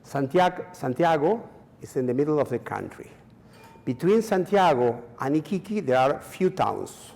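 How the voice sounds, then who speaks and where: A Chilean conference speaker talks in a fairly high, creaky, darkish voice with big pitch swings. His non-native English is halting, laden with fillers and repetitions, and the hall around him produces a long reverb.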